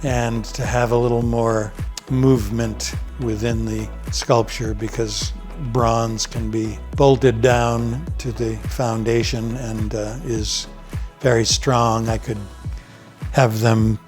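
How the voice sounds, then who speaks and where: An older man telling his story in an interview as a sculptor, in an unhurried, thoughtful way with pauses as he recalls. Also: medium pitch, little pitch movement, a little mellow, soft background music.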